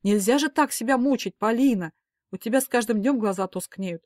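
A woman's voice: fairly high pitch, fairly quick, a little mellow, no room sound, clean studio sound, voice pushed up, natural voice. A woman voicing a worried middle-aged mother who scolds and pleads emphatically. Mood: urging.

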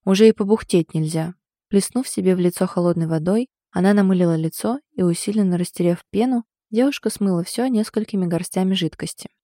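A woman reads an audiobook aloud with steady, expressive storytelling. Her voice is low and mellow. The recording is dry and close. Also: fairly quick, few pauses, no echo. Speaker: audiobook narrator. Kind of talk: scripted audiobook narration.

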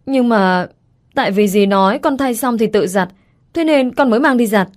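A woman's voice: on the high side, lively intonation, normal speed, voice pushed up, natural voice. Woman doing a tearful little girl. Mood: pleading. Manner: pleading, tearful. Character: crying eight-year-old girl.

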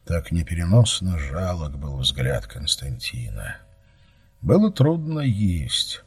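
Low husky male audiobook narrator. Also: very animated, dry recording. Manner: measured, grave storytelling.

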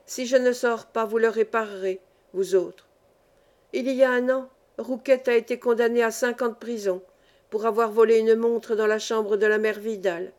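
A woman's voice: fairly high pitch, steady tone, normal speed, a little mellow, close to an everyday voice. A woman voicing a huge, strong male miner who pleads and confesses, repeating himself, in an audiobook. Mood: pleading confession.

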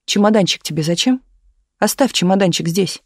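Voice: expressive, a little fast, no room sound, clean studio sound, natural voice. A reader voicing an eager, tearful young woman who comforts her friend in a thin little voice. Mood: eager, caring. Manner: thin little voice, raised pitch.

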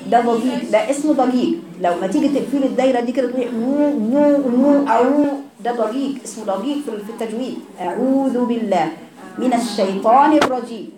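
A woman with an Egyptian accent teaching Quran recitation, correcting students and repeating sounds slowly for them. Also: on the high side, reverberant, a crowd in the background. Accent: Egyptian Arabic. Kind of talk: tajweed class instruction.

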